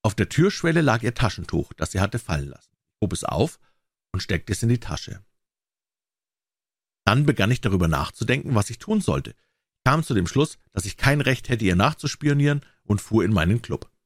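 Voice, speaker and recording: Low, expressive male audiobook narrator. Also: normal speed, dry recording, studio quality. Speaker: audiobook reader. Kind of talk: scripted narration of a classic story.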